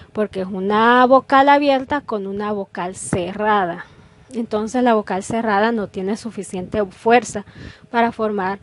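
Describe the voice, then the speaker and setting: A woman teacher explaining a school lesson, patient and careful, working through each example step by step over her slides. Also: on the high side.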